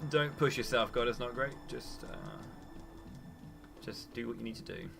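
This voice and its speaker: A man livestreaming his speedrun, chatting quickly and teasingly over a headset mic while he plays. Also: medium pitch, vocal fry, music in the background. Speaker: speedrunner streaming his run. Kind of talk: casual chat while playing.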